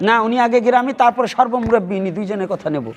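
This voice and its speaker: Fervent preacher guy, high voice, leads the chant. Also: fast, crowd noise. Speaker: Vaishnava preacher. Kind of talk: devotional sermon to a gathering.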